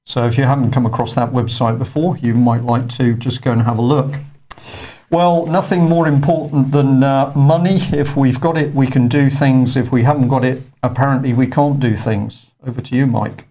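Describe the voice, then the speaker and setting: A man's voice: mid-range voice, fairly even intonation, moderate pace, warm tone. A man presenting an online news show in a conversational, hesitant way with frequent fillers. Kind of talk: unscripted studio news talk.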